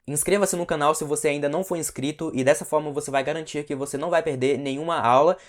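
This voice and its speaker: A man teaching an online language lesson. He explains patiently, checks in often with his listeners, and slows down to model each word. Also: on the high side, fairly even intonation.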